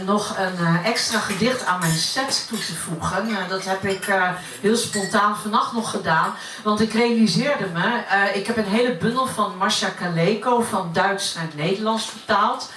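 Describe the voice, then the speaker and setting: A woman's voice: medium pitch, a bit bright. A woman poet speaking informally and hesitantly as she introduces readings. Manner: hesitant, halting. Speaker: poet and translator. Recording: roomy, distant mic, faint noise.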